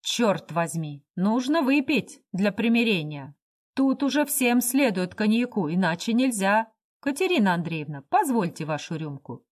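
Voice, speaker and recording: A hearty, blunt man proclaims toasts and barks gruff orders at a guest, as a woman reading a story puts him on. His voice is loud and commanding in a storybook reading. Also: mid-range voice, sing-song, unhurried.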